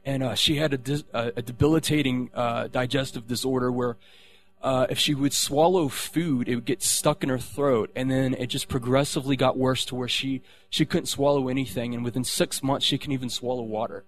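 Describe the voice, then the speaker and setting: A man's voice: medium pitch, steady tone, fairly quick. Rambling man telling a faith story. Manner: rambling, with many restarts and fillers. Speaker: speaker sharing a testimony. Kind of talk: personal faith testimony.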